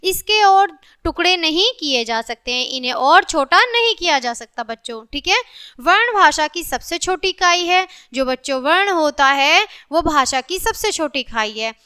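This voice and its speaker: A woman's voice: very high-pitched, animated, moderate pace, pushed and bright. A woman teacher giving a patient grammar lesson to young children, often calling on them and slipping numbers into her speech. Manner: mixes English numbers into Hindi.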